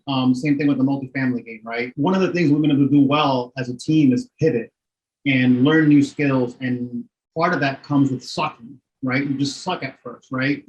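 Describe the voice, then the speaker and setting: This middle-aged man from Miami, Florida, a real estate investor, chats casually as an interview guest in a mid-range voice, with the recording's highs cut off. He's candid and matter-of-fact, with a habit of adding "right?".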